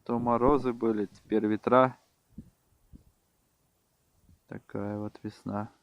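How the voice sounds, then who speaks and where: A man giving casual, unhurried commentary on his own fishing in short muttered remarks, recorded outdoors with wind on the mic. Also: fairly low pitch, fairly even intonation, lo-fi sound. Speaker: angler filming own fishing vlog.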